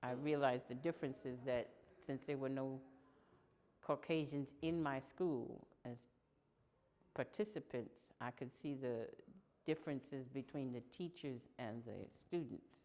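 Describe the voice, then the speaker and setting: A woman in her sixties from Long Island, New York, giving plain, unhurried answers in an oral history interview that trail off quietly. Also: rumbling low. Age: 60s. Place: indoor room in downtown New York.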